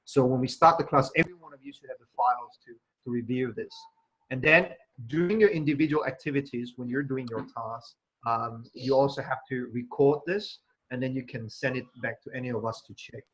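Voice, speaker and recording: A man's voice: medium pitch, a little fast, a bit bright, slightly rough, highs cut off. A man teaching an English test prep class over a video call, explaining at length with frequent fillers. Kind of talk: online class instruction.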